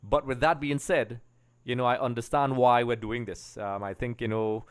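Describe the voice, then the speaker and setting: A middle-aged Trinidadian man hosts a football watch-along, chatting casually and rambling to his viewers. His medium-pitched voice is clear and resonant, with fairly even intonation and a normal speed. He's a livestream host in a small home streaming room, speaking into a boom-arm desk mic.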